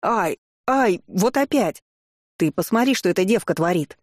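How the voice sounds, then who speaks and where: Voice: mid-range voice, lively intonation, normal speed, no echo, pitched above the performer's own voice, natural voice. Reader playing a boastful male exile thug, coarse, slangy, yelps when hurt; dry read. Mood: yelping. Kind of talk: audiobook reading.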